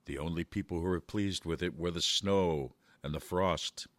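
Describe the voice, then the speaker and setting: A man reading a children's story aloud in a measured way, slowing down for verse. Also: low-pitched, a bit bright, no room sound.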